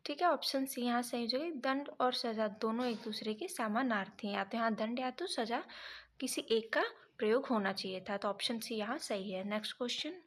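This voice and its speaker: A woman teaching an exam prep lesson, reading each option and then correcting it step by step, sometimes pausing to check her notes. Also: a little high. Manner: pauses to check notes mid-sentence.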